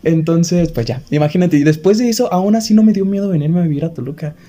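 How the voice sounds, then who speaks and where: A young man with a Mexican accent tells a story in casual chat, rattling along quickly. His voice is mellow and a little high, and he breaks into nervous laughs now and then. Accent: Mexican Spanish.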